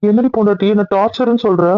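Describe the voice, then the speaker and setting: Man voicing a pleading young husband, very fast, high flat voice; lo-fi audio drama. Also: no room sound, natural voice. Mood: teasing. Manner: rapid, pleading. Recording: dull lo-fi dry recording.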